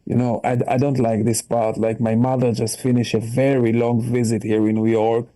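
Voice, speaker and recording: Dark-voiced Israeli man doing stand-up. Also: moderate pace. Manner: animated, jumps high in pitch for punchlines; broken English phrasing. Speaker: stand-up comedian. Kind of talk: stand-up set on a video call.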